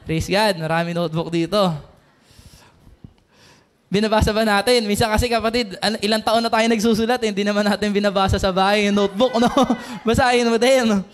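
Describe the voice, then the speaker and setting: A man preaching an energetic sermon, calling out to the congregation and often shouting. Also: high-pitched, brisk.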